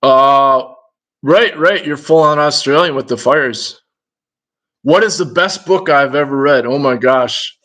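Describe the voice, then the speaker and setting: A man's voice: medium pitch, a little slow, a bit bright, low-quality recording. A man in his fifties with a Minnesota accent, chatting casually with his livestream viewers in a rambling, digressive way. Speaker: livestream host.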